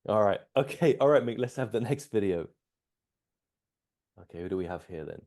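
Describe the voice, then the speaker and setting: A man giving casual coaching commentary, explaining in a measured way and checking for agreement. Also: lowish voice, animated, a little mellow. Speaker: strength coach, host.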